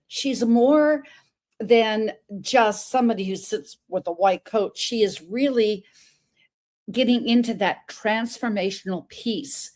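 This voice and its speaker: A woman's voice: medium pitch, darkish tone. A woman hosting an interview show, enthusiastic and often repeating words as she introduces and questions her guest. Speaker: host.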